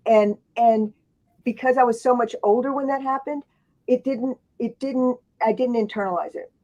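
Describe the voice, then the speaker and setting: Here a female author, raised in Thailand and Japan, shares stories on a book panel in a casual, meandering way, often restarting and drifting into asides. Her voice sits on the high side with a dark tone, at a normal speed. The audio is dull and lo-fi.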